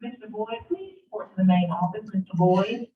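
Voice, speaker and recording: A woman's voice: medium pitch, brisk, highs cut off, a crowd in the background. A woman from the school office makes a formal paging announcement heard over the school intercom. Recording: distant intercom loudspeaker in a classroom.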